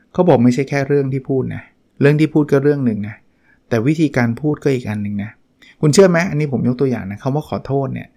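A man's voice: mid-range voice, creaky, mellow. A man hosting a book review podcast, talking casually and acting out short quoted examples along the way. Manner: chatty, acts out little quoted examples. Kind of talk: casual solo podcast talk.

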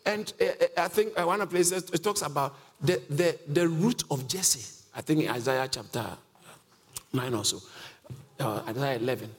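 A man's voice: on the high side, moderate pace. A man preaching a sermon that teaches from scripture, emphatic and questioning, with frequent chuckles. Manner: emphatic, asks the congregation questions, chuckles often. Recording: reverberant hall with faint music.

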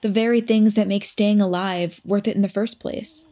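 A woman narrating a documentary in a thoughtful, measured scripted way. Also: medium pitch, steady tone, mellow.

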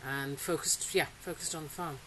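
A deep, steady-toned woman speaks at a moderate pace about her farm, interviewed casually in a polytunnel. Middle-aged and raised in Singapore, she's chatty, breaks into laughter often and hesitates with frequent fillers. Faint hiss and the sound of rain on the tunnel sit behind her.

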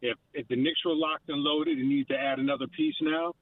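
A man's voice: on the high side, steady tone, fairly quick. Man calling from his car, clipped phone line. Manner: polite, clears his throat, hesitant fillers. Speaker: caller. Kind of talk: sports radio call-in.

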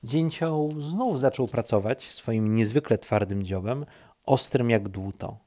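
A man reading a children's story aloud, slow and expressive. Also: medium pitch. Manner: slow, lively read-aloud voice.

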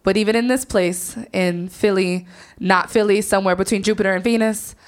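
An actress narrating a stage play as a gentle female storyteller, speaking in a measured, wistful way. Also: medium pitch, steady tone, close to an everyday voice. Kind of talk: theatrical poetic narration.

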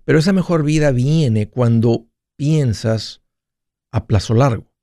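A man's voice: medium pitch, a little slow, warm tone, dry recording, clean studio sound. A man hosting a casual monologue, playful and jokey, often restarting mid-phrase. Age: 40s. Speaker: radio finance host.

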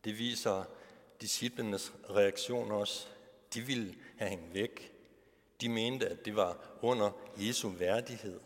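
A man's voice: lowish voice, steady tone, big-room sound. A male pastor giving a sermon, posing rhetorical questions to the congregation.

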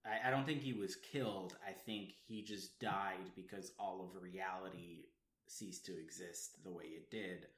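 Guy with a really low voice, explains stuff with lots of ums, kinda echoey room. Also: fairly even intonation, measured pace, fairly bright tone. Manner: explains at length with many ums and restarts. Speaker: podcast co-host. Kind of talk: casual chat. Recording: roomy echo.

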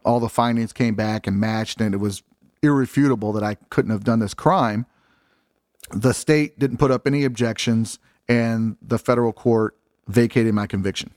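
A man's voice: on the low side, steady tone, normal speed, a little mellow, no room sound, clean studio sound. A man guest telling his story in a casual, candid way, swearing freely and using lots of fillers. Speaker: interview guest.

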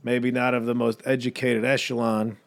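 A man's voice: medium pitch, level tone, normal speed. A man co-hosting a podcast in casual chat, sarcastic and profane, full of joking banter. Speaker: podcast co-host.

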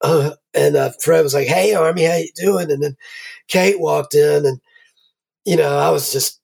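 A man, a guest musician, rambling through an animated anecdote in casual conversation. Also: fairly high pitch, moderate pace, vocal fry, slightly rough.

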